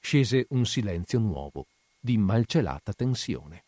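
Man, story reader, expressive and ironic, lively pitch, dry close mic. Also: unhurried, dry recording. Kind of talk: reading short stories aloud.

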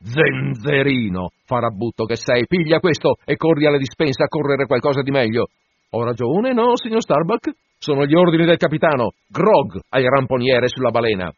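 A man voicing an indignant, suspicious ship's mate who rants loudly and mocks others. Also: mid-range voice, expressive, normal speed, breathy edge, pitched above the performer's own voice. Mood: bossy. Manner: loud, indignant, mocking rants. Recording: dull dry radio broadcast.

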